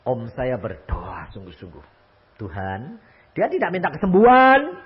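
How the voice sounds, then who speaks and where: Animated older male preacher. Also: measured pace. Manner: animated, swinging from loud high exclamations to low quiet asides. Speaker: pastor. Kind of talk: sermon with storytelling. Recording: muffled lo-fi recording.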